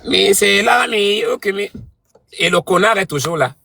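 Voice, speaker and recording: Guy on a live stream roasting someone, high sharp voice, kinda husky, crude and mocking. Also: animated, unhurried. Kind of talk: heated live-stream argument.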